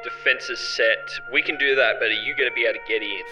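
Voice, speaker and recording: Guy doing an understated, hesitant lookout, soft and lowish but bright, horror rpg, faint music. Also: steady tone, fast, muffled recording. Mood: subdued. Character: laid-back, low-key male lookout on a radio.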